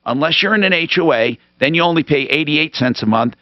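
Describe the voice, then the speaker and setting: Fairly high-pitched and expressive, this man talks fairly quickly as the host of an unscripted call-in radio show. He's brusque and emphatic, interrupting callers, and the sound is muffled with no room sound.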